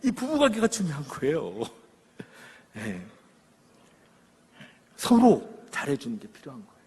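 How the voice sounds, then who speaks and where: A middle-aged man gives a parenting lecture to a church audience, his voice husky and pitched fairly high. He tells stories with lively swings of pitch, acting out the quoted lines and asking for agreement. The sound carries a long reverb from the hall. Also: a little slow.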